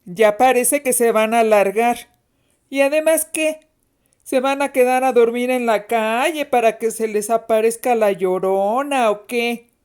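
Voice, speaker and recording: A woman's voice: high voice, slow pace, a little mellow, pitched above the performer's own voice. A woman voicing a taunting, bossy older sister who teases her younger siblings and mimics a strict teacher, in a told story.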